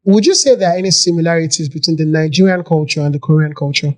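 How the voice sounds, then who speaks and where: A man's voice: a little high, quick pace, a little mellow. A man hosting a podcast interview, thoughtful and a little hesitant, repeating words as he gathers his thoughts. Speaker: podcast host.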